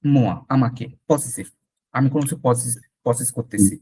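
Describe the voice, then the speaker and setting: Husky male teacher repeating sounds slowly. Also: mid-range voice, warm tone. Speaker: French language teacher. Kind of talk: online lesson mixing Bengali and English.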